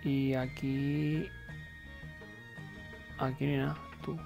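Creaky-voiced Castilian Spanish man commenting on games. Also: medium pitch, flat delivery, slow pace, darkish tone. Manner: colloquial, informal, thinking aloud. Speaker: video game player and commentator. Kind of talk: casual gameplay commentary. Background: game music.

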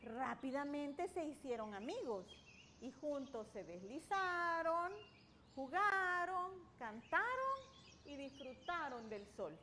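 A middle-aged woman with a high voice speaks as a storyteller for children. Her delivery is expressive and very melodic, with faint noise behind her. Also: takes it slowly. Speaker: guest children's author and teacher.

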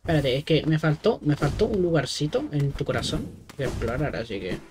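A man's voice: a little high, big pitch swings, fairly quick, background noise. A man doing casual let's-play commentary like a scared horror game streamer, jumpy and swearing freely. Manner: foul-mouthed. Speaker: gaming streamer.

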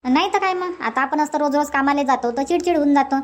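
In rural-dialect cartoon comedy dialogue, a woman plays a talkative, teasing village aunt, delivering exclamations in a Varhadi Marathi accent. She talks fast in a high voice with a lightly acted style.

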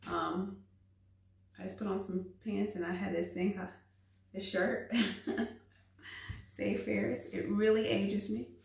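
A woman in her forties talks directly to viewers in a casual cook-with-me vlog, chatty and quick to laugh as she does chores and cooks, first in her bathroom and then the kitchen. Her medium-pitched voice is gravelly with a fry-tinged edge, a little mellow and flat in delivery. A phone camera held at arm's length picks her up in the echoey rooms.

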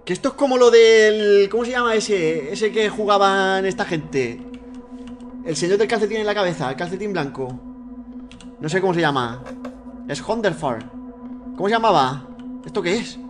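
A man with a Spain Spanish accent doing excitable horror game let's play commentary at a desk mic, swearing and shrieking when startled. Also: high voice, normal speed, pauses often. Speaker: gaming YouTuber. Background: game music and keyboard typing.

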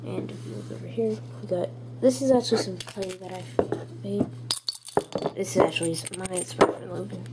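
Speaking at normal speed with a medium pitch, a child or teen gives a casual, rambling review of a gadget into a handheld camera. It's filmed indoors in a small home room, and the camera's built-in mic picks up noisy audio and clicks.

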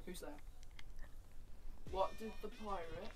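A man's voice: high-pitched, slow pace. A young man telling jokes in a group challenge, laughing often. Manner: laughing, lively joke telling. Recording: distant voice over background music.

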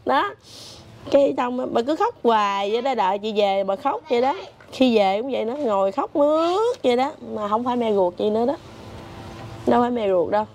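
A woman's voice: a little high, a little fast, slight background noise. A woman, telling her family's story in casual chat. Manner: animated storytelling with laughs. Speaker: interviewee.

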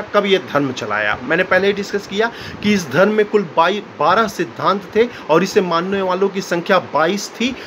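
A man teaching a school history lesson, explaining step by step, acting out quotes and often checking with "clear?". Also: high voice, a bit bright, a little hiss or hum. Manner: explanatory, keeps asking "clear?" and acts out quotes.

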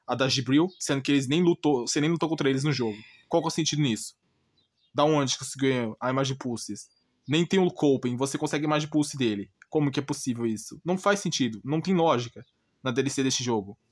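At a quick pace, a man with a Brazilian Portuguese accent, who hosts a gaming channel, vents in a mid-range voice. His blunt, informal rant is full of exasperated repetition and rhetorical questions.

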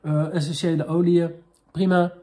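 A man's voice: on the high side, flat delivery, normal speed, mellow. A man hosting a comedic question-and-answer talk, casual and rambling with many fillers, in a mock-spiritual tone. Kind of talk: casual deadpan parody monologue.

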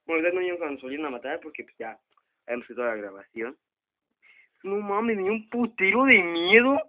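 A man's voice: a little high, brisk. A young man with a Mexican Spanish accent commentating a horror game, swearing nonstop and yelping in panic. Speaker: gamer host. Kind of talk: let's play commentary. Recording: tinny lo-fi phone recording.

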